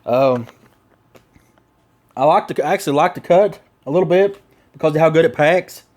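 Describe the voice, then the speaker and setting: A man with a Southern US drawl chats through a casual product review in a slightly high voice. His lower lip is packed full of dip as he talks, and his delivery is rambling, folksy and full of slang. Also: normal speed, a little mellow.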